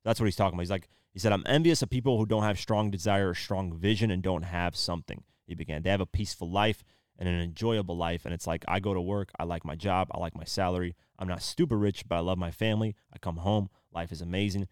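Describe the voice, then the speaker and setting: A podcast co-host with a low-pitched, clean-toned voice is recorded in clean studio sound with no room sound. He chats casually, retelling a story loosely and rambling with many fillers.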